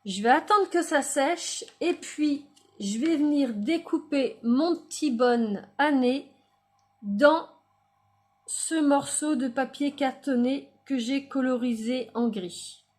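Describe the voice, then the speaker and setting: Female tutorial host, high and unhurried, narrating each step calmly. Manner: calm, describes each step as she works. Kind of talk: casual step-by-step craft tutorial.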